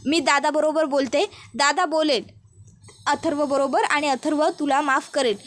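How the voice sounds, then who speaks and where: A stern aunt lecturing her son with warnings, read by a woman storyteller. The voice stays high. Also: steady tone, a little slow. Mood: scolding. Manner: scolding, warning.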